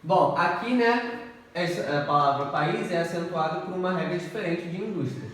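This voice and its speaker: A man's voice: high-pitched, moderate pace, a bit bright. Man teaching grammar in an echoey room. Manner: explains step by step, often checking in with "ok?". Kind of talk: exam-prep grammar lesson. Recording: echoey room, distant mic, faint noise.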